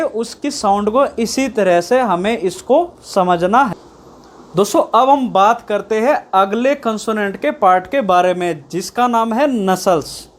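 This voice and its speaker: A woman teaching a video lesson, stretching out each example sound and checking in often with the listener. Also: on the high side. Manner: drawn-out sounding of letters, frequent "theek hai" checks. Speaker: shorthand teacher.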